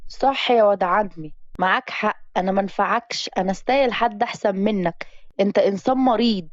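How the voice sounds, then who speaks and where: A woman's voice: mid-range voice, a little fast, dry recording, close to an everyday voice. A proud young woman with an Upper Egyptian accent answers back sharply, voiced by a woman storyteller. Her cutting replies sound dry and close. The recording is slightly dull. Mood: bitter. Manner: defiant, cutting.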